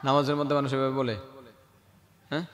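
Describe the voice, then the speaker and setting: A man teaching children Quran recitation, questioning and coaxing them, then modelling the verses slowly. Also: mid-range voice, little pitch movement, long reverb tail, over a noisy crowd, very noisy.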